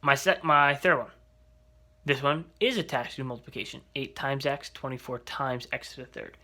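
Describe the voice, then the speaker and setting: A man's voice: mid-range voice, steady tone, moderate pace, sharp tone. A man teaching an algebra lesson, explaining step by step and checking in with rhetorical questions. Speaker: math teacher.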